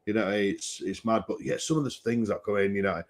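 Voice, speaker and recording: A man who runs a tattoo studio, guesting on a casual podcast and telling a lively anecdote, acting out voices and laughing often. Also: lowish voice, fairly quick.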